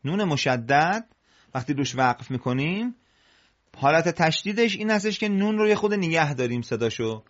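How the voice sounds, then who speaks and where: A man teaching Quran recitation to a class, patiently encouraging his students and chanting example phrases slowly. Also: fairly high pitch, expressive, highs cut off.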